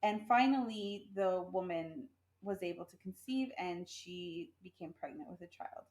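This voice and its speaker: A woman's voice: on the low side, a little slow, a little mellow, roomy sound. Giggly chatty woman podcaster. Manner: chatty, giggly, self-correcting. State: pregnant. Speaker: podcast co-host retelling the tale. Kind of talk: casual chat.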